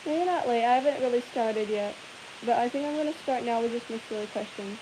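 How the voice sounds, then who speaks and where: A young woman with a slightly high voice talks quickly and loosely during a livestream Q&A, giggling and rambling between viewer questions. A steady hiss of background noise runs beneath her voice for the entire recording.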